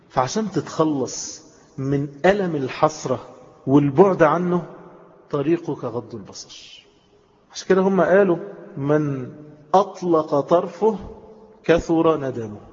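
Egyptian Arabic preacher, man, emphatic and drawn-out, fairly high, dull lo-fi hall recording. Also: expressive, darkish tone. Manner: emphatic, drawn-out phrases with sudden swells in pitch. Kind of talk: sermon. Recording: dull lo-fi sound with long hall reverb.

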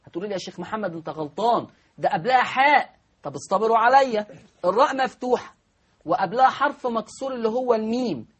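Egyptian male teacher, high husky voice, quizzes listeners, drawls example words. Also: lively intonation. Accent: Egyptian Arabic. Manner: drawls example words slowly, asks the class questions. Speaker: Quran recitation teacher. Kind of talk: spoken lesson on recitation rules.

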